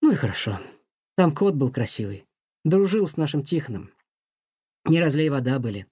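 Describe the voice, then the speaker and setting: Storybook role: man playing a sighing, gentle old museum director, darker tone. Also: a little high, sing-song, normal speed, slightly rough, dry recording, clean studio sound. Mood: tired, warm. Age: older. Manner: sighing, soft-spoken, talks kindly to a mouse. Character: weary aging male museum director, gentle and sad.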